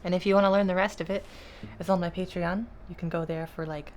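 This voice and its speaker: A woman explaining a guitar piece in a casual tutorial, relaxed and self-deprecating, trailing off with fillers. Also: on the low side, quick pace, slight background noise. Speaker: guitar teacher. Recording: guitar playing loudly behind. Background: acoustic guitar.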